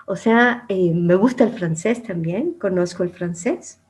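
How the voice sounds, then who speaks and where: This interview guest is a middle-aged woman, formerly a producer and journalist, talking a little slowly in a lowish voice. She reflects on her life story conversationally, laughing softly and letting some phrases fade quietly.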